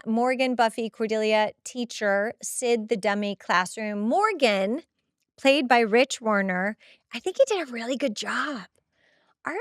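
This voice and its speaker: Clean studio sound without echo frames a podcast host whose voice is on the high side. She recaps a TV episode casually and chattily, with lots of emphasis and expression, even acting out quoted dialogue.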